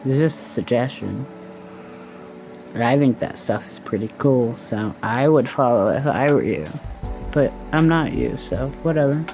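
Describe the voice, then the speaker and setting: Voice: mid-range voice, animated, measured pace, over music. A vlogger with a sore throat after tonsil surgery, giving casual advice in a loose, rambling valley-girl drawl with plenty of swearing. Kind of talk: casual to-camera advice chat.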